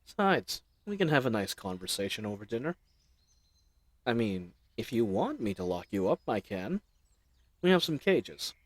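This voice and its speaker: Voicing a charming, roguish bandit leader in an intimate fantasy audio roleplay, this man sounds teasing and easygoing, lively, friendly and charismatic. He talks casually and chattily with playful teasing, in a lowish voice at a moderate pace.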